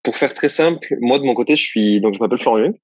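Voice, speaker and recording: A man from the south of France, a guest in a casual interview, telling his story in a relaxed, rambling way with many restarts. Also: medium pitch, quick pace, husky, dry recording, lo-fi sound.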